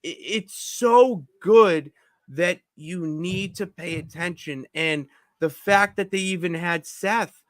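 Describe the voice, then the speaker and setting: Brief: man, podcast co-host, excitable rambler who keeps restarting sentences, fairly high voice, dry close sound. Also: slow, no echo. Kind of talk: casual chat. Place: home basement.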